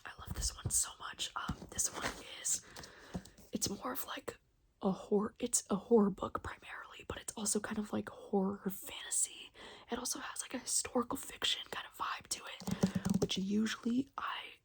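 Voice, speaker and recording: A woman in her late twenties hosting ASMR, chatting casually in a breathy whisper and softly repeating some phrases. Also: medium pitch, fairly even intonation, moderate pace. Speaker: ASMR video host.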